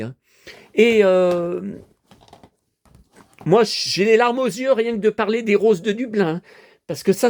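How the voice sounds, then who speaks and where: A man's voice: high voice, a little mellow. A man in his fifties speaking as a collector and vlogger in a rambling, nostalgic monologue, hesitant and full of fillers, restarts and emotion. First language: French. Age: 50s.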